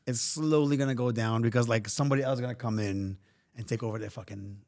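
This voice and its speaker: Male podcast co-host. Rapid, casual, slangy delivery with plenty of cursing. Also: mid-range voice, fairly even intonation, darkish tone. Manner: slangy, swearing freely. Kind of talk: casual chat.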